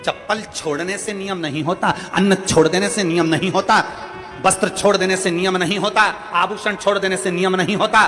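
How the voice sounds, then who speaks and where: High, bright-voiced male preacher exhorting. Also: fairly even intonation, a little fast. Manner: repetitive, exhorting lists of vows. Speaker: religious preacher. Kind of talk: devotional sermon. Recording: reverberant hall with music behind.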